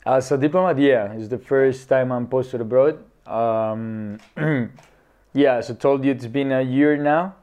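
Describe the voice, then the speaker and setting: A man in his thirties from Colombia speaks slowly and hesitantly, often stopping on fillers. His voice is mellow and smooth. The recording sounds slightly dull and lo-fi. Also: medium pitch. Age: 30s. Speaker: guest. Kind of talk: casual interview.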